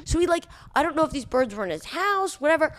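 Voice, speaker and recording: A young woman telling a story in casual chat, animated and swearing freely, with lots of "like". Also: high voice, fast.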